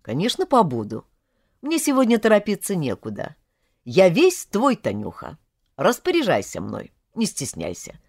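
A gruff but caring young man, voiced by a female reader who speaks low and quietly. The recording is dry and close, with no room sound. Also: huge pitch swings, normal speed, no room sound, exaggerated voice. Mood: gentle. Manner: lower, soft, gruff. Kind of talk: audiobook character voice.

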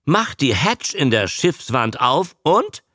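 A man's voice: medium pitch, very animated, slow pace, sharp tone, no echo, studio quality, pitched above the performer's own voice, full character voice. A man reading a radio story, voicing a boastful, blustering Irish sailor telling a yarn. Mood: confiding.

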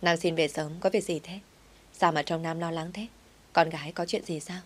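A generous lady boss in a storybook tale, read by the woman narrator, caring and warmly persuasive. She speaks in a low, quiet voice. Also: fairly even intonation, normal speed, lightly acted. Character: kind wealthy woman company director, warm and generous.

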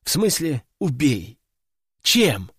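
A man's voice: fairly high pitch, very animated, takes it slowly, fairly bright tone, breathy edge, no echo, clean studio sound, heavily acted. A man voicing a nervous young soldier in an audiobook, hesitant and stammering. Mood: flustered.

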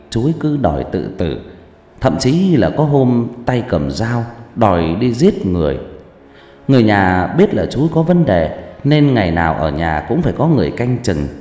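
Brief: male narrator of a spooky tale, low and dramatic, long reverb, soft music bed. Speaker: storyteller. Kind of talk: first-person ghost story narration. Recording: echoey room, faint background music.

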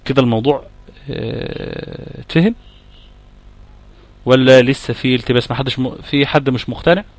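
A man's voice: medium pitch, normal speed, no room sound. A middle-aged man with an Egyptian accent teaching tajweed, explaining patiently, demonstrating sounds and checking that his students follow. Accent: Egyptian Arabic. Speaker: Quran recitation teacher. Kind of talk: tajweed lesson.

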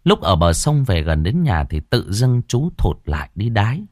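Male storyteller for a ghost tale; lowish, very animated pitch, dry booth. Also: moderate pace, no echo. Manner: expressive, rises and falls dramatically.

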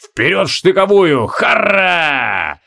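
A male reader puts on a dead old marshal leading troops again. His voice is a harsh, gravelly croak with a sharp edge. He speaks slowly and swoops up and down as he booms commands. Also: very animated, exaggerated voice. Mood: commanding. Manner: booming battlefield commands.

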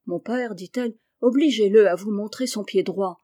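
A woman's voice: medium pitch, normal speed, dark tone, no echo, clean studio sound, lightly acted. A woman reading aloud voices a young noblewoman, pleading and emotional. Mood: insistent.

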